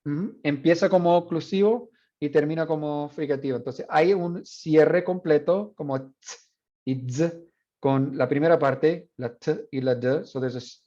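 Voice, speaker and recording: A man lecturing a university class, talking his students through the material step by step and checking with questions. His voice sits fairly high but has a mellow, dark color. The classroom recording is dull and lo-fi. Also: a little slow. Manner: explains step by step, asks the class questions, models sounds. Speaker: university Spanish professor.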